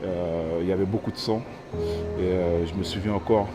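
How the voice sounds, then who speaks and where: A fairly low-voiced man in his thirties from French Guiana tells his own story, slow to find his words and thoughtful. Clear music plays behind him. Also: steady tone. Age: 30s. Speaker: interviewee. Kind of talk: personal testimony.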